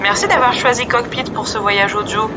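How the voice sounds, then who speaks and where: A woman playing a female airline captain who makes a formal, measured cabin announcement to passengers after landing. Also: on the high side, steady tone, background noise, lightly acted. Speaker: podcast host.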